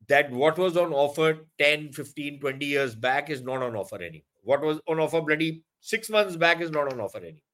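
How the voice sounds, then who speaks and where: A man's voice: fairly high pitch, pushed and bright. A man from India with a North Indian accent giving opinionated analysis in an interview, speaking emphatically and slipping between languages mid-sentence. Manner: emphatic, code-switches into Hindi and Punjabi mid-sentence. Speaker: foreign policy commentator.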